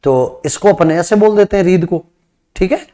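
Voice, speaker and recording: A fairly high-voiced teacher with a dark tone and a Rajasthani Hindi accent runs an English exam practice class in Hindi. Writing on the whiteboard screen of a classroom studio, he poses questions, answers them himself, and stretches English words out slowly.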